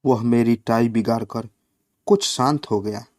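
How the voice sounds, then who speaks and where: A man reading a satirical short story aloud at a slow, measured pace. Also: mid-range voice, darkish tone, no room sound, clean studio sound. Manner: slow, measured reading with quoted lines voiced in the flow.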